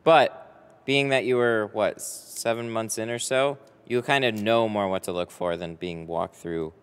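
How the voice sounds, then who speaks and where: With a lowish, clean voice, an American man of about thirty-one or thirty-two answers livestream viewers in a relaxed, halting way, thinking aloud as he goes. He tints windows for a living and broadcasts from a large garage workshop that houses a boat. The close boom-arm mic can't hide the room's long, hall-like reverb.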